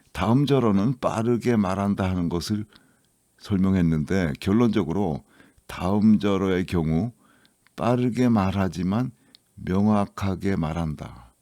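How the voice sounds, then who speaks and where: A man teaching English listening in a lecture, explaining rules slowly and reading English examples aloud. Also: low voice, dark tone, dry recording, studio quality. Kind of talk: scripted lecture narration.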